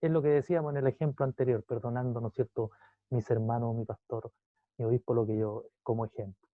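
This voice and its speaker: A man's voice: medium pitch, steady tone, fast talker, dry recording, phone-quality sound. A man preaching a sermon in a conversational teaching manner, often adding asides to the listener.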